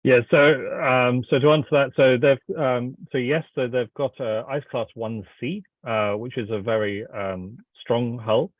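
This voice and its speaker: A man answering questions as a company representative, informal and halting in his delivery. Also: medium pitch, fairly even intonation, no echo. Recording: thin phone-like line.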